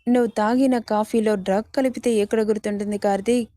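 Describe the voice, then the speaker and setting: A soft, flat-voiced temptress, read by a woman. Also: mid-range voice, quick pace, dry recording, studio quality, lightly acted. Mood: pleading.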